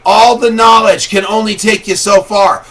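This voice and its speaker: A man hosting a motivational call, giving a pep talk that slows for dramatic storytelling and often rises to shouting for emphasis. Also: high-pitched, fairly even intonation, poor audio. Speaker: host of a daily motivational call.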